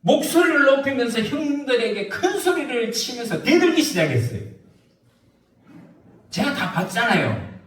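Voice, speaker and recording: A man preaching a sermon as a pastor, telling a story with lively rhetorical questions. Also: very high-pitched, moderate pace, long pauses, echoey room, distant mic.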